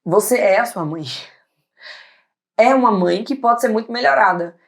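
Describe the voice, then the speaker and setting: A woman in her thirties, a pediatrician guest on an interview show, talking loudly and animatedly in casual chat. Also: fairly high pitch, gravelly. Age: 30s. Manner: loud, animated, talks fast and laughs easily.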